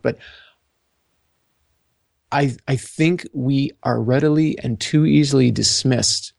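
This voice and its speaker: A man co-hosting a podcast, talking through a book in halting, self-correcting speech and reading passages aloud. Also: medium pitch, gravelly, a little mellow, dry recording, clean studio sound. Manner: halting, repeats words, reads passages aloud. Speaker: podcast co-host. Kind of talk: casual book discussion.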